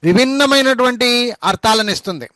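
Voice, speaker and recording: Brief: high-pitched male teacher, patient repeater, dry close sound. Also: bright, forceful tone, no room sound, poor audio. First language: Telugu. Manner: spells words out letter by letter, repeats words slowly. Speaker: English teacher. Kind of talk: spoken English lesson.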